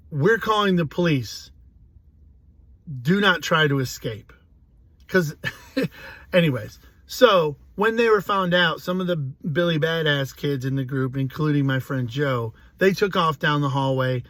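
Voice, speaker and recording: A man's voice: mid-range voice, fairly bright tone, no room sound. A man in his forties telling a rambling, profane, self-mocking personal story in a casual way. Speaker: host.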